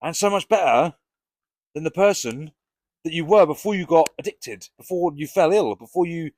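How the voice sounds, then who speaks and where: A man's voice: on the high side, animated, normal speed, darkish tone, no room sound. Frank, sweary British man chatting casually. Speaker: recovery vlogger. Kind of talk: casual chat to camera.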